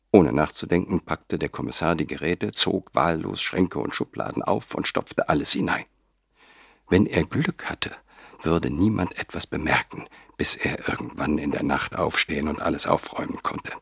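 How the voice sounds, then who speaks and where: A man reading an audiobook in a measured, wry storytelling manner. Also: extremely low pitch, gravelly, a bit bright, slightly rough, dry recording, clean studio sound. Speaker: audiobook narrator. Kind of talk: scripted narration.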